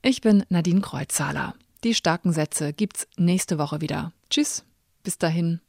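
A woman hosting a literary radio podcast, asking clear questions and reading announcements in a composed way. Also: on the low side, unhurried, a little mellow, no room sound, studio quality. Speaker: radio host.

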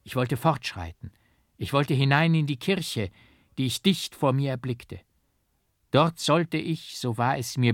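A man reading a classic novel aloud as an audiobook, in a slow, hushed, brooding dramatic manner. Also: mid-range voice, no echo, clean studio sound. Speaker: audiobook narrator.

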